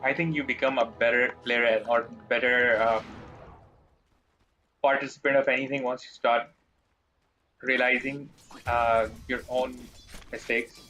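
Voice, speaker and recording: A bright-voiced man streaming a game, chatting away to his viewers in a loose, rambling way. He talks about his own mistakes with easy self-deprecation, and soft music plays underneath. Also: medium pitch, little pitch movement, unhurried, long pauses, low-quality recording. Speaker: gaming streamer. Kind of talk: casual live-stream chat while gaming.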